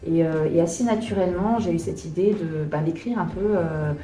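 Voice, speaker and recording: A woman in her late thirties from Alsace, a singer-songwriter, speaking in a lowish, warm and mellow voice. She answers interview questions earnestly, pausing to find her words. She is picked up from a distance at a concert venue, and the room echoes around her. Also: faint music behind. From Alsace, France. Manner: earnest, thoughtful, searching for words.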